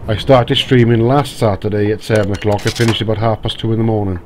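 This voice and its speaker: A man's voice: lowish voice, fast. A man streaming live, chatting casually and welcoming viewers by name as they join. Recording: steady background noise.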